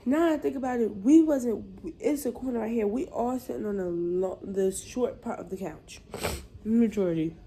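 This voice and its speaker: Young woman telling a story in a mellow voice. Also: a little high, moderate pace. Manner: animated, slangy, talks straight to viewers. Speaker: vlogger. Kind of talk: casual storytime.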